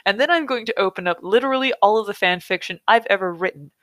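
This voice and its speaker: A woman's voice: mid-range voice, quick pace, fairly bright tone, dry recording. A woman hosting a casual talk show who reads a novel aloud and rants about it with sarcasm and heavy swearing. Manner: profane, sarcastic, ranting. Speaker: podcast host reading a novel aloud. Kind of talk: casual chat and dramatic reading.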